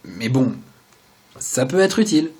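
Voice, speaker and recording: Teaching sign basics in a laid-back video, this young host speaks at a measured pace in a middle-pitched voice. He's chatty and jokey, frequently drifting into soft asides between his explanations.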